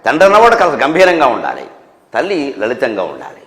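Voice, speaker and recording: A man's voice: mid-range voice, wildly swooping pitch, fast talker, fairly bright tone. A man giving a spiritual discourse to an audience, scolding with rhetorical questions and wry humour. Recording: echoey hall with long reverb.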